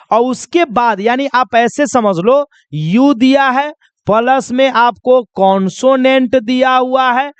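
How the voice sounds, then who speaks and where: Guy teaching pronunciation, high smooth voice, asks then answers himself, dry close sound. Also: dry recording. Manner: repeats key points; spells words out slowly. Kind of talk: classroom lesson.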